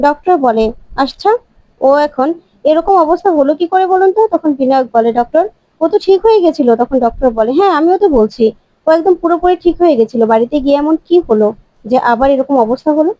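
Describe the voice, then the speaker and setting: A woman's voice: sits high, expressive, fast, dark tone, no echo, rough recording. A woman retelling a TV serial episode as a story, quoting each character's lines in turn. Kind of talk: storytelling recap with quoted dialogue.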